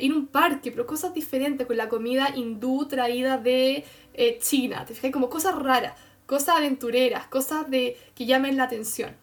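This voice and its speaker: Chilean woman, astrologer, high voice, rambling, playful live stream. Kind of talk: casual live-stream talk.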